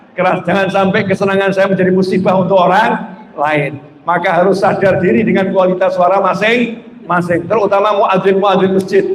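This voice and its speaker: A man preaching an Islamic sermon for a live stream, lively, sometimes chanting prayers and mimicking shouting. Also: sits high. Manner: lively, rises loud when mimicking shouting, chants zikir. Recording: echoey hall with faint noise.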